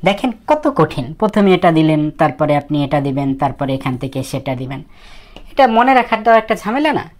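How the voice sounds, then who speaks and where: A woman with a notably deep, low-pitched voice teaches how to write letters stroke by stroke. She talks in a casual, soft way, repeating each step and often letting her sentences fade out quietly. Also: sing-song, normal speed. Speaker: Japanese language teacher. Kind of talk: casual spoken lesson.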